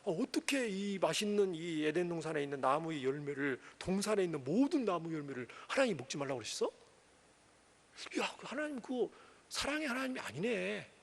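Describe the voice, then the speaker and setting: A man voicing a sly devil who whispers taunting doubts to believers, in a quieter, higher voice than his own. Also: big pitch swings, brisk, creaky, full character voice.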